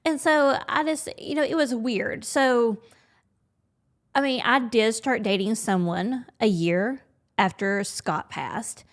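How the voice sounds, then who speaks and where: A woman's voice: on the high side, slow pace. A woman co-hosting a podcast, talking frankly and thinking aloud in a candid chat. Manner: frank, chatty, thinking aloud with quoted inner thoughts. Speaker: podcast co-host.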